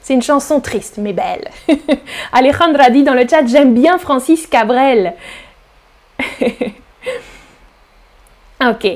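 Woman, French teacher, high voice, unhurried, clear explanations, sings song lines, live stream. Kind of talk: live-streamed language lesson.

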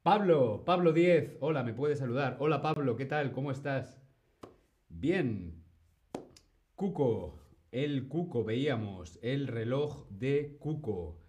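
A man's voice: medium pitch, slow pace, a little mellow. A man from Spain teaching Spanish on a live stream, greeting chat viewers by name and playfully imitating sounds. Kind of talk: live-stream language lesson.

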